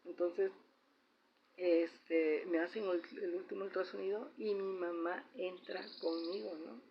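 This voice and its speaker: In a slightly dull recording with faint noise, a middle-aged Mexican woman reflects on her family in a relaxed vlog. Her low, breathy-edged voice moves unhurriedly with fairly even intonation, and her chatty phrases often end in a questioning "¿no?".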